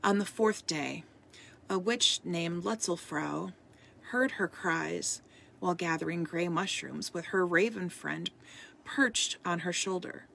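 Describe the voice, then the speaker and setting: A woman reads a storybook aloud in a soft-spoken way, sometimes sinking into a whisper. Her voice sits a little low, with a gravelly edge and a husky grain. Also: slow.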